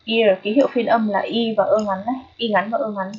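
Vietnamese woman, English teacher, husky voice, mid pitch, keeps asking if students follow, dull lo-fi recording. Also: fairly even intonation. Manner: checks in with listeners often; repeats each word slowly. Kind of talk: phonetics lesson.

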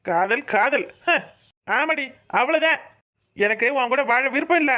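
A woman's voice: sits high, lively intonation, a little slow, pushed and bright, exaggerated voice. A woman voicing a dismissive young husband who sides with his mother. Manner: dismissive, whiny.

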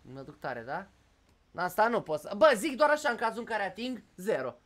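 A young man hosting a casual gaming session with a friend, high-voiced and very animated in his pitch. He teases and banters, jumping from excited shouts to low grumbling. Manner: excitable, teasing, swings between shouting and muttering. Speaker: gaming channel host.

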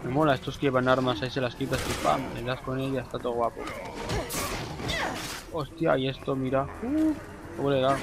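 A young man from Spain with a Spanish accent, casually commentating his gameplay, swearing often and breaking into excited exclamations. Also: medium pitch, brisk, creaky, long pauses, background noise. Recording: game music behind voice.

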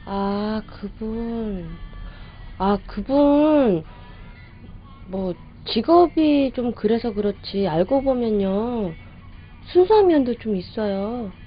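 An actor playing a naive, earnest young woman in film dialogue, gently reproachful. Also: a little high, expressive, takes it slowly. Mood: hesitant. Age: young adult. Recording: dull film audio with music.

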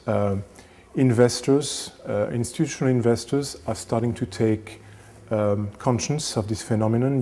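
A man in his thirties, a renovation specialist, giving a casual lecture to camera on a lapel mic, halting with many fillers and restarts. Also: medium pitch, warm tone. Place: small indoor studio set.

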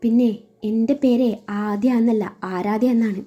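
A woman voicing a hurt young wife, speaking with quiet, tearful bitterness, over a dull recording with faint music. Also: on the high side, steady tone, normal speed, close to an everyday voice. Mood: bitter, angry. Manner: quiet, wounded, tearful pleading.

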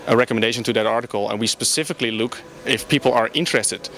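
A man's voice: mid-range voice, racing, fairly bright tone, slight background noise. Dutch man, hesitant in a conference hall. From Netherlands. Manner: hesitant, many "uh" fillers and restarts. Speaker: startup founder, interviewee. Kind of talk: conversational interview. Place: large conference hall, indoors. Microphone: handheld interviewer mic.

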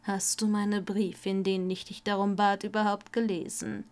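A woman voicing a dying older wizard, bitter and cold, who rasps and often sinks to a weak whisper. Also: mid-range voice, little pitch movement, moderate pace, a little mellow, lightly acted. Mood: rasping weak. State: coughing, ill.

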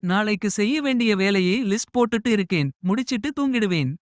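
A man voicing a self-assured young daughter who talks in a brisk, matter-of-fact way. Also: high voice, no echo, clean studio sound, voice pushed up, close to an everyday voice. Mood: protesting. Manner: mildly protesting, matter-of-fact.

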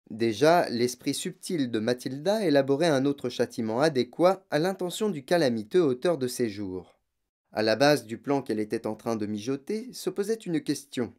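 A man reading a children's novel aloud as an audiobook, in measured, expressive narration. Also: mid-range voice. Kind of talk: scripted narration.

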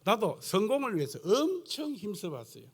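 A man's voice: sits high, moderate pace, breathy edge. An older man preaching a sermon in a thick Gyeongsang dialect, earthy and folksy, telling stories from his own ministry. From South Gyeongsang coast, Korea. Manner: earthy, folksy, animated storytelling. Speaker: guest pastor preaching.

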